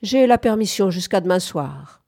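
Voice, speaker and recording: A woman voicing a courteous young soldier who speaks softly and politely. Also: medium pitch, animated, normal speed. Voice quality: soft, polite.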